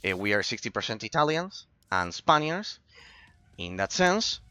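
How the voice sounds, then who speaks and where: A man's voice: on the low side, very animated, moderate pace, pushed and bright, clean tone, dry recording. A man from Argentina, streaming a game while answering chat and rambling about philosophy, often repeating himself. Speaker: gaming streamer. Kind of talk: casual commentary while gaming, replying to chat.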